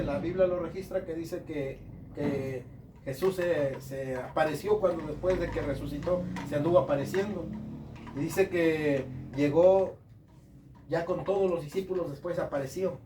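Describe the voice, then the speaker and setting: Male preacher, fervent sermon delivery, slightly high mellow voice, distant echoey home recording. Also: normal speed, noisy background. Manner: fervent, addresses listeners as brothers. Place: home service room. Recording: echoey room, from far off, faint ambience.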